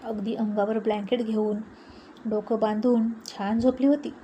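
A woman narrates a serialized story in a steady storytelling manner. Her voice sits fairly high. A faint hiss runs beneath. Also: moderate pace, rough recording.

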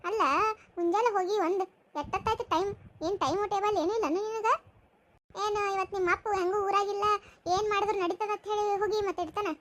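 A sharp-tongued village mother-in-law, played by a woman, with a North Karnataka accent fires off sarcastic questions. The voice sits very high and moves fast. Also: steady tone. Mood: suspicious. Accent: North Karnataka Kannada. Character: nagging middle-aged village mother-in-law.

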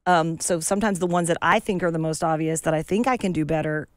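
A woman's voice: sits low, fast, dry recording. Chatty woman voice actor, dry sound. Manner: chatty, animated, full of restarts. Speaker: voice actor guest. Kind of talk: casual interview chat.

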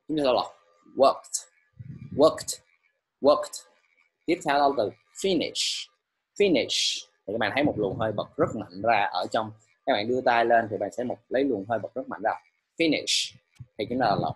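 Husky man teaching primary English. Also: on the low side, rough recording. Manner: patient, repeats words slowly for pupils. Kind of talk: online lesson, explaining in Vietnamese with English examples.

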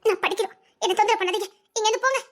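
A woman playing a frightened young student, very high. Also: fairly even intonation, racing, fairly bright tone. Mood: firm. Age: young adult. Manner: tearful, insistent refusals. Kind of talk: web drama acting.

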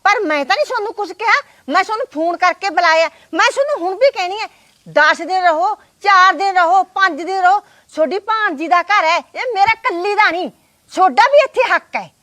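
An actress playing a middle-aged mother of the household in a Punjabi short drama, pleading and placating in a gentle way. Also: very high-pitched, animated, brisk, no echo.

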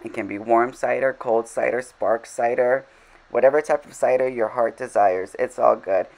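A man's voice: medium pitch, moderate pace, creaky, a little mellow, low-quality recording. A man giving casual, rambling commentary over his game, full of fillers and self-deprecating asides. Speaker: game vlogger.

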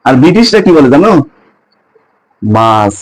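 A man from Bangladesh leads his students through a pronunciation lesson on English month names, firing off question after question and repeating each word slowly. His expressive voice sits a bit higher than most men's, and the recording is rough.

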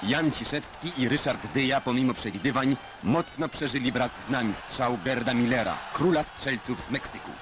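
A man's voice: mid-range voice, normal speed. A man giving wry, ironic voice-over narration for an old newsreel. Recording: noisy old film soundtrack.

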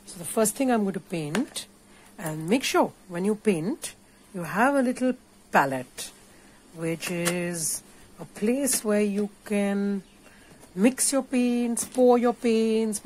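Indoors at a craft table, a puppeteer with an Indian accent teaches a craft workshop through an informal, playful, encouraging step-by-step tutorial. Her mid-range voice is slow and a little mellow, with slight background noise.

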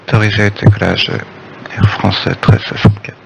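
Gravelly low male pilot over headset radio. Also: little pitch movement, normal speed. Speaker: airline pilot in online flight simulation. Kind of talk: radio phraseology readbacks. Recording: noisy, clicky radio transmission.

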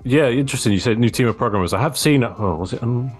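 A young man hosts a podcast over a video call, talking into a large studio microphone with chatty enthusiasm and asking leading questions. His mid-range voice is fast and slightly rough, with faint music behind.

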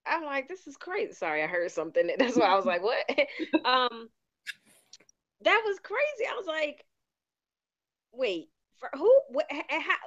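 A woman with a Baltimore accent, co-hosting a podcast in casual, animated chat. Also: sits high, moderate pace, pauses often, dull audio. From Baltimore, USA. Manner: animated, exclaims and voices her own reactions. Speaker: podcast co-host.

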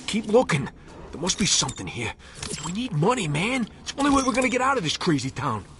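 A man's voice: high-pitched, sing-song, fast, noisy background. An actor voicing a desperate street thug henchman in a video game, urgent and pushy.

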